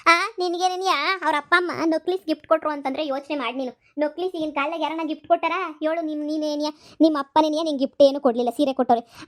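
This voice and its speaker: A woman's voice: sits high, natural voice. A woman doing a greedy, nagging village mother. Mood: coaxing. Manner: nagging, scolding, wheedling. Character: scheming greedy rural mother, middle-aged. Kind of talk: cartoon comedy voice acting.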